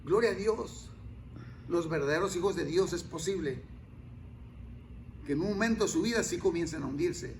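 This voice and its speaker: A male pastor preaching a sermon, dropping to near-whispers and then rising to loud, pleading cries. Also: sits high, slight background noise. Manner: swings from quiet murmurs to loud cries.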